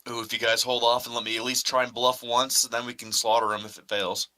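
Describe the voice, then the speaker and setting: Excited guy at a tabletop game, super bright voice. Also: medium pitch, brisk. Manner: eager, laughing. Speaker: player. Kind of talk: casual tabletop game chat.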